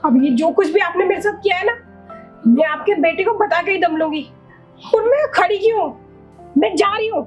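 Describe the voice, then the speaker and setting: A woman's voice: very high voice, normal speed, rough recording. An actress playing a young daughter-in-law who confronts her mother-in-law emotionally, in a melodramatic family drama with faint music underneath. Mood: hurt, defiant. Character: young wronged daughter-in-law, hurt but firm. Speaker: actor in a family drama short. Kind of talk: melodramatic short-film acting.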